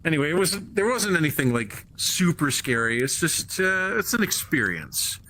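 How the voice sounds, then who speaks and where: A man's voice: on the high side, big pitch swings, moderate pace, pushed and bright, a little hiss or hum, low-quality recording. A man from Michigan chatting casually and rambling with many fillers. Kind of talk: casual chat.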